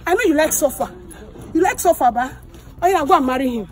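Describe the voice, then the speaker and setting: A woman scolding loudly and indignantly in a comedy skit. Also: sits high, animated, fast. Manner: indignant, loud scolding with sharp swings. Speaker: comic actor.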